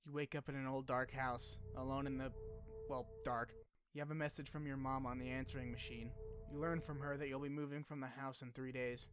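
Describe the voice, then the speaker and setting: In this video essay, the male host alternates scripted narration with offhand jokes and a bit of cursing, with background music underneath. His mid-range voice has a flat delivery and a brisk pace.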